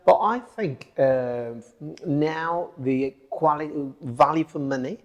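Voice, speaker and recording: A man's voice: on the high side, muffled recording. Man, agreeable co-host. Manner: agreeable, many "yeah"s, halting English. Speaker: co-host, lawyer. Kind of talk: casual interview over wine.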